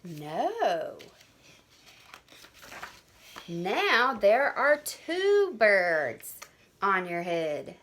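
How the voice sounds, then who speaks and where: A woman's voice: medium pitch, wildly swooping pitch, very slow, fairly bright tone, exaggerated voice. A woman voicing a cheerful, matter-of-fact storybook pig with simple, emphatic delivery.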